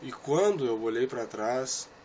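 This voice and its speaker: Brief: man in an emotional religious testimony, mid-pitched and earnest, repeating phrases, faint hiss behind. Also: lively intonation, unhurried, darkish tone. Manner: talks straight to one listener. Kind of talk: personal religious testimony recounting a vision.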